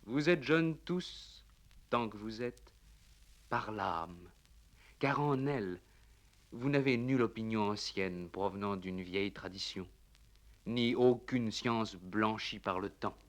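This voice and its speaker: A man performing a solemn, declamatory reader of an ancient tale for 1950s radio, recorded on old worn tape. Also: lowish voice. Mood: grave, chiding. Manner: declamatory, measured, emphatic. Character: male narrator reciting Plato's solemn tale of old priest and Solon. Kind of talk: 1950s radio dramatic reading, scripted narration.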